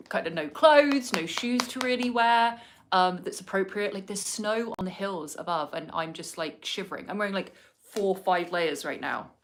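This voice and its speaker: This livestreaming vlogger is an Englishwoman with a fairly low but fairly bright voice, and there's slight background noise. Indoors at home during cold winter weather, she rambles while doing her makeup, full of fillers and asides for viewers.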